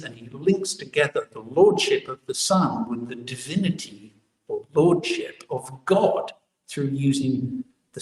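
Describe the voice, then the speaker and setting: A man's voice: medium pitch, a little mellow. A man preaching a sermon in a church, explaining scripture and posing rhetorical questions to the congregation. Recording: echoey church from a distant mic.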